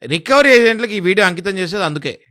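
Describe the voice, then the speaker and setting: Male interview guest, high bright voice, firm lecturing delivery. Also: expressive, fast. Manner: emphatic, lecturing, lists legal sections. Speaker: interview guest explaining legal rights. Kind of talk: interview explanation.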